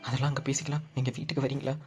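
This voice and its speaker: A man voicing a dutiful son-in-law in a cartoon, soft and coaxing. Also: mid-range voice, monotone, very fast, breathy edge, lightly acted. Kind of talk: Tamil cartoon dubbing. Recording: music bed under voice.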